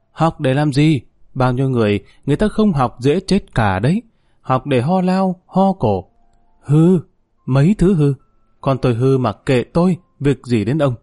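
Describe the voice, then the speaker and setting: A man's voice: mid-range voice, mellow, no room sound, studio quality, lightly acted. A man voicing a distraught, doting middle-aged mother who wails and scolds shrilly. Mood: scolding.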